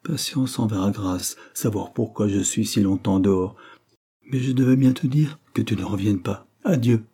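A man's voice: lowish voice, normal speed, husky. Man voicing Anna, a timid young girl. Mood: pleading. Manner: soft, pleading.

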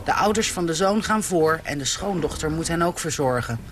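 A man delivers a scripted radio report from abroad, with a slightly raised pitch. His reading is calm and measured. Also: a little hiss or hum. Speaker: foreign correspondent.

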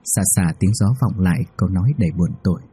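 A man narrating a ghost story in a measured, even manner. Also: sits low, husky. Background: faint music.

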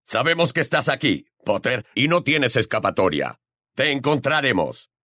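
A man's voice: medium pitch, very animated, normal speed, sharp tone, no echo, clean studio sound. A man voicing a cold, threatening male Death Eater. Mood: menacing.

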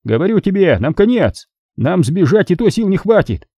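Man doing scornful hungry young soldier, raised pitch, husky, mellow tone. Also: very animated, moderate pace, dry recording, clean studio sound, exaggerated voice. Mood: bitter, mocking. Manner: scornful, complaining. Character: hungry, embittered young male soldier, mocking.

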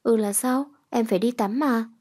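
Woman doing a stubborn young woman in a storybook. Snappish, sulky, mellow tone. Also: on the high side, moderate pace, natural voice. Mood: plain.

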